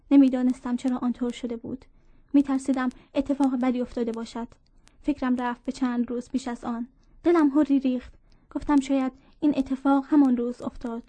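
A woman reading a story aloud in a measured narrating voice, speaking dialogue within the tale. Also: high-pitched, dark tone, dry recording. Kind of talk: audiobook narration.

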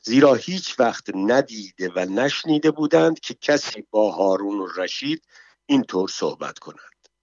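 A man narrating a story in a steady, measured reading, in a dull, dry recording. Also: on the low side, no echo. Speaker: audiobook narrator.

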